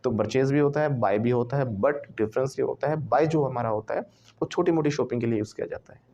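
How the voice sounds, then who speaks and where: Mixing Hindi with English, a male teacher runs an English class, firing questions and getting students to echo words back to him. His mid-range voice is quick and darkish in tone, and the sound is lo-fi.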